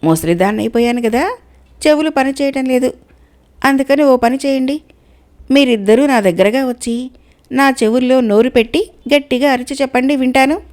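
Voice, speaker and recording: A woman's voice: high-pitched, moderate pace, darkish tone, close to an everyday voice. A woman doing a sly old cat. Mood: coaxing. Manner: falsely frail, coaxing. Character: sly old female cat, feigning deafness.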